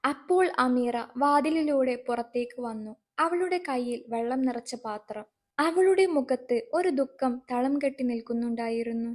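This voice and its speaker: A woman narrating a dramatic family story in a steady, scripted storytelling read. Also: high voice, measured pace.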